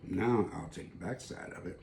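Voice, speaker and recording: A man's voice: low-pitched, normal speed, vocal fry, darkish tone, echoey room, a little hiss or hum. A man co-hosting a home cooking vlog, tasting the food and teasing playfully. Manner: playful, teasing, talks with his mouth full. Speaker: co-host, taste tester. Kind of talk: casual cooking vlog chat.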